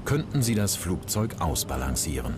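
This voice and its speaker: A man reading scripted documentary narration in a measured, serious way. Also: low voice, big pitch swings, very noisy. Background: loud music.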